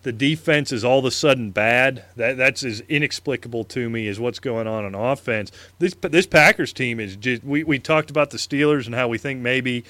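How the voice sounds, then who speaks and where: A man co-hosting a fantasy sports show, talking football emphatically in casual chat and repeating words when excited. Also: mid-range voice, moderate pace, hardly any pauses, no room sound. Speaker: fantasy sports podcast co-host.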